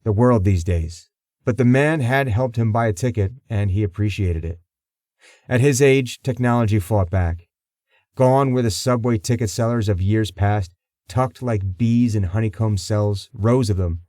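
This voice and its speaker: A man with a fairly low voice narrates a crime audiobook in a measured, even storytelling style. The scripted narration is recorded dry, with clean studio sound.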